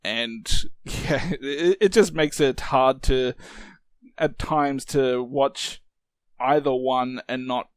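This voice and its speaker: A man in an easygoing movie chat on a podcast, chuckling through his points and stumbling into restarts. His voice sits at an ordinary middle pitch. The sound is dry and close, with no room around it. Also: slow pace, clean tone, no room sound. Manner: laughs often, restarts sentences, quotes lines in high put-on voices. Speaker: podcast co-host.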